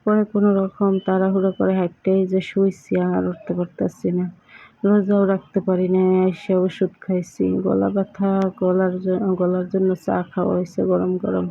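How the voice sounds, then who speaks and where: A woman's voice: medium pitch, completely flat delivery, normal speed, dry recording, muffled recording. A woman, narrating a casual home cooking vlog while ill with a sore throat and fever. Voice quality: husky, strained from sore throat. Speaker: vlogger. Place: home kitchen. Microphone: phone held in one hand.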